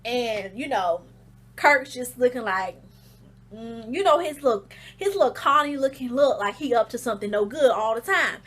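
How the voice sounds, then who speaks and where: A woman giving a casual, slangy recap of a reality show, telling it as a lively story full of fillers. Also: on the high side, normal speed. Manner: animated storytelling, acts out the show's scenes in shrieky voices; loose slangy talk with fillers. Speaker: reality TV reviewer.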